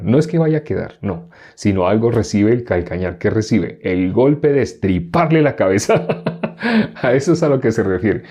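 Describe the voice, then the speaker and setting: A man's voice: fairly low pitch, dark tone. A man teaching an interactive Bible class. He repeats verses and keeps asking the group questions. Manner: repeats verses slowly, chuckling now and then.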